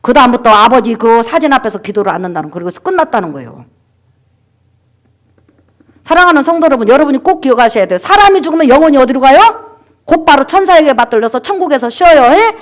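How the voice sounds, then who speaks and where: A woman's voice: sits high, big pitch swings, quick pace. A woman pastor preaching a sermon and telling a testimony, calling for amens and asking the congregation questions. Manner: exhorting, calls for amens, rhetorical questions to the congregation; acts out quoted people in her stories.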